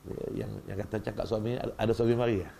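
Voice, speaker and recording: A man giving a humorous religious workshop talk in a mosque, lively and peppering the audience with rhetorical questions. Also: on the low side, quick pace, vocal fry, slight background noise. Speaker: religious lecturer. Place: mosque hall.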